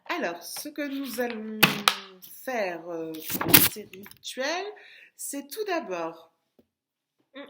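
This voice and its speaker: A woman leads a lesson for young children, slow and deliberate, drawing out each syllable. Her pitch swings up and down with animation. The room around her rings with echo. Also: sing-song, a little hiss or hum. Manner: slow, patient, syllables tapped out and stretched. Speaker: preschool teacher. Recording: echoey room.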